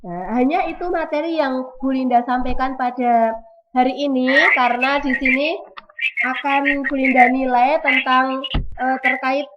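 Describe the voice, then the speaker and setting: A woman teacher giving an online class lesson over a video call, explaining slowly and repeating key terms. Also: sits high, steady tone. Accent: Indonesian. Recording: dull lo-fi audio with clear noise.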